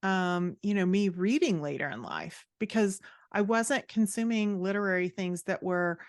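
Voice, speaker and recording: Chatting as a podcast guest, a woman who writes fantasy and coaches writers gives her opinions in a casual, expressive, informal way. She has a medium pitch and a moderate pace. The recording is dry and sounds like a clean studio.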